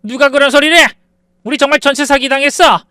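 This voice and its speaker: A man's voice: extremely high pitch, fairly even intonation, quick pace, bright, forceful tone, no echo, clean studio sound, pitched above the performer's own voice. A man voicing a stubborn older mother-in-law who screeches defiantly. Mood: shrieking.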